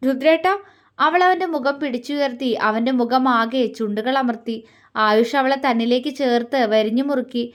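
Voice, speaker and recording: High-voiced woman narrating a love story. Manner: soft, measured storytelling. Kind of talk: scripted narration.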